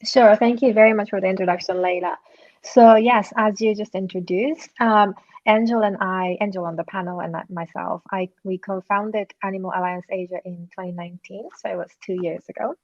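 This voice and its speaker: A woman's voice: medium pitch, steady tone, normal speed, dry recording, dull audio. A woman from Japan answering as a panelist, speaking earnestly and thoughtfully with fillers and small self-corrections. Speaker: panelist, co-founder of an activist group.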